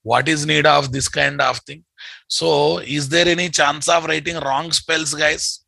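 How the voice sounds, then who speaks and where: Male coding tutor, Telugu accent, slow delivery, gravelly edge, repetitive and questioning. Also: on the high side, fairly even intonation, pushed and bright, no room sound. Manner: repeats phrases, addresses students familiarly with questions. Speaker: programming instructor. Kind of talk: live online coding lesson with students. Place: indoor room at a computer.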